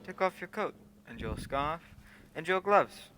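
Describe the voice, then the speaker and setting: A man's voice: a little high, expressive, measured pace, bright, forceful tone, faint music behind. A man playing a genial, loyal doctor who courteously tells his old adventures in a radio play. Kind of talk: old-time radio play narration and dialogue. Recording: clearly noisy background.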